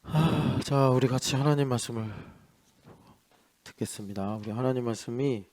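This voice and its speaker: A male pastor preaching an early-morning sermon in a chatty way, asking rhetorical questions and swinging between loud and soft. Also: mid-range voice, fairly even intonation, moderate pace. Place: church.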